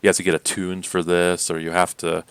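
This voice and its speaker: A man co-hosting a podcast, chatting casually about games in a rambling way, full of fillers and quick laughs. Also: low-pitched, monotone, a bit bright, clear, resonant tone, no room sound. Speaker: podcast co-host. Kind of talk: casual gaming chat.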